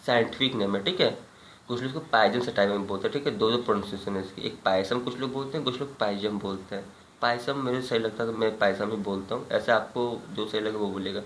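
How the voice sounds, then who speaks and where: A man's voice: medium pitch, fairly bright tone. A man teaching a biology lesson, asking the class questions and then answering them himself. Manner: repeats key points as questions, frequent "ठीक है" check-ins. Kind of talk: classroom lecture. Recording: echoey room, faint background hum.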